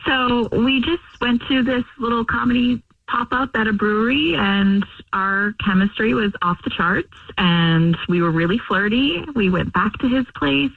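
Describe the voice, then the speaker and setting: A woman's voice: on the high side, normal speed, gravelly, few pauses, no echo. A young woman calling in to a radio show, chatty and rambling with lots of fillers. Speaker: caller. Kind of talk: phone call to a radio show. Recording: phone line from far off.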